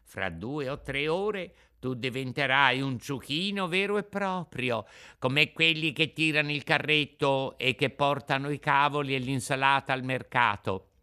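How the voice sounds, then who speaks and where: A man voicing a kindly female marmot who speaks gently and consolingly. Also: medium pitch, unhurried, clean tone.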